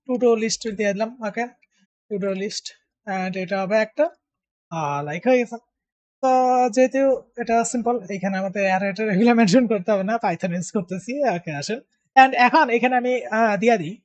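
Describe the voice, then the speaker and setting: A man's voice: sits high, no room sound. A man talks through a coding tutorial casually, thinking aloud with many fillers and mixing in English terms. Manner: mixes English terms into his speech.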